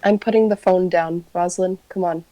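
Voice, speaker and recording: A woman's voice: on the low side, fairly even intonation, brisk, warm tone, dry recording, muffled recording. A woman player in a tabletop game, making dry, teasing remarks. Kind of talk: tabletop roleplay banter.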